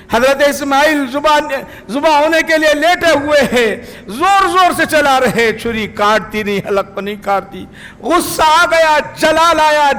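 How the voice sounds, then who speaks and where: A man preaching a sermon in a mosque, telling a story with passion and often shouting at its peaks. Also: sits high. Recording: long hall reverb.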